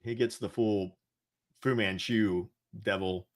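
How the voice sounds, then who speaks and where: A man's voice: on the low side, fairly even intonation, takes it slowly. Guy co-hosting a laid-back chat, rambly, lots of ums, laughs while he talks. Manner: rambling and candid, with frequent fillers; laughs often while talking. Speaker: co-host. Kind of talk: casual chat.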